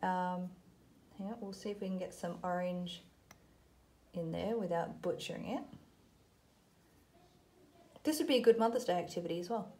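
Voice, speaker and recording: A woman's voice: on the low side, moderate pace, pauses often, a little mellow. A woman with an Australian accent giving a casual craft tutorial, chatting informally and self-deprecatingly as she thinks aloud while working. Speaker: host of a children's craft video.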